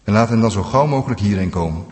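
A man's voice: on the low side, animated, fast, a little mellow, lightly acted. A man reading aloud as an emotional male ruler speaking urgently to his brothers, in a long church reverb. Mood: heartfelt.

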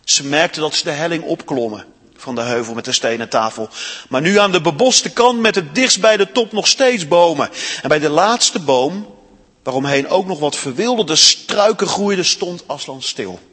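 A man reading a story aloud to children in church, expressive and slowing down for dramatic pauses. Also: fairly high pitch, husky, in a large hall.

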